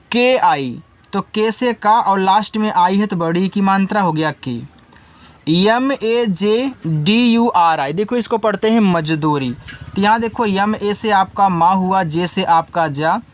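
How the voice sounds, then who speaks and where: A man's voice: sits high, dry recording. A man teaching English reading, spelling words out letter by letter in a patient, casual way. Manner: patient step-by-step explaining, casual asides to students.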